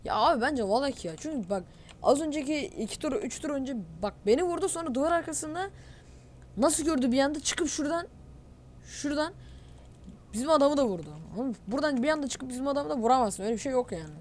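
A woman narrating her gameplay live, her voice pitched slightly above the usual. She rants in open exasperation and speaks directly to her audience. A faint noise floor sits behind her. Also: animated, fast, a little mellow. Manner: exasperated, ranting, accusing cheaters; talks to viewers directly. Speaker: gamer, channel host.

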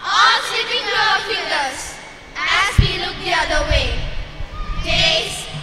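A group of young women with reciting a poem together in unison as a dramatic choral performance. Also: female voice, very high-pitched, lively intonation, slow pace, crowd noise. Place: large event stage with microphones on stands. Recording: echoey hall stage with loud audience noise.

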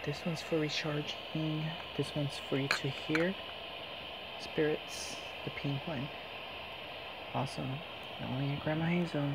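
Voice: mid-range voice, fairly even intonation, unhurried, long pauses, very noisy. A person casually hosting a home paranormal session, speaking in short, simple questions and compliments, recorded on a handheld phone in a small room. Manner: addresses listener in short, simple questions and praise. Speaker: paranormal investigator host. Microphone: handheld phone behind the camera.

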